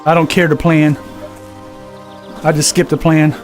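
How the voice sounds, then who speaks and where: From a home gaming setup, a man walks on a VR treadmill during a live game stream, out of breath as he reads viewer comments aloud and chats back casually. His voice is on the high side and monotone, at a measured pace, with soft background music.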